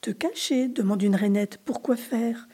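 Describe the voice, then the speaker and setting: A woman's voice: fairly high pitch, a little slow, warm tone, husky. A woman voicing chatty, cheeky tree frogs in a storybook, with chirpy, gossipy chatter.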